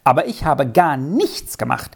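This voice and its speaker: A woman's voice: extremely low pitch, sing-song, unhurried, gravelly, breathy edge, heavily acted. A woman voicing an eager young peasant girl who pleads breathlessly and protests indignantly.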